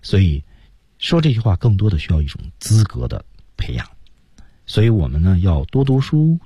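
A man teaching English on a radio program, explaining pronunciation step by step and drilling words slowly. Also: low-pitched, mellow, husky, dry recording, studio quality. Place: radio studio.

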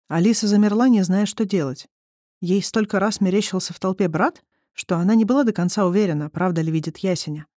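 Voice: medium pitch, no room sound. Dry, close audiobook narrator. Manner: even storytelling reading. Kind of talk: scripted narration.

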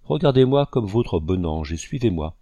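A man reading aloud, voicing a kind, gentle gentleman who reassures a lost child. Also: on the low side, animated, moderate pace, no echo, dull audio. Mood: gentle reassuring. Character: kindly gentle older gentleman, a rescuer. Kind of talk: audiobook character reading.

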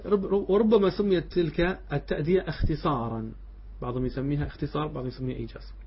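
A sheikh with a husky, somewhat high voice teaches a class through a text. He poses questions to his students, answers them himself, and keeps checking that they follow. The recording is dull and lo-fi. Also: very fast. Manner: checks understanding with short asides. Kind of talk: classroom lecture explaining a text line by line.

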